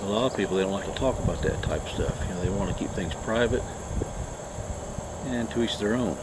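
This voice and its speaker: A man chatting casually and haltingly through a cigar review, rambling from one thought to the next. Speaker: cigar review vlog host. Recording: noisy low-quality mic, outdoor insects and traffic.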